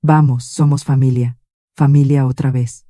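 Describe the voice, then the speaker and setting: A woman's voice: very deep voice, fairly even intonation, measured pace, warm tone, no room sound, clean studio sound. A woman reading the lines of a smug, pushy son-in-law in an audio story, casual and overbearing.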